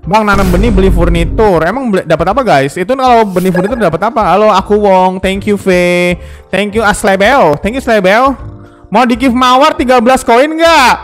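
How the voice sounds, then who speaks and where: A man with a high voice chats casually through a live game stream. He keeps repeating his questions to chat and thanking viewers, while faint game music plays underneath. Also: moderate pace.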